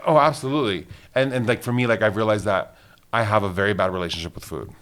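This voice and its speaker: Podcast co-host, man in his late thirties, lowish voice, chatty and animated. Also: quick pace. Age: 30s. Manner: animated, laughs often, many fillers like "like". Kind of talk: casual chat.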